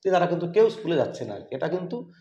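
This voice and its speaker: Fast-talking man, high voice, roomy sound. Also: big pitch swings, warm tone. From West Bengal, India. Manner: rambling, repeats himself, frequent fillers. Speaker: interviewer. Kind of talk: conversational interview. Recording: roomy, slightly dull sound.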